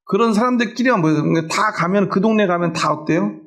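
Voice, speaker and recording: A middle-aged male pastor delivering a sermon with a gravelly, slightly creaky edge to his voice. He pitches his voice somewhat high for a man and keeps a chatty, question-asking tone with his congregation, as if talking with them rather than lecturing. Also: fast, a bit bright. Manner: conversational preaching with questions to the congregation.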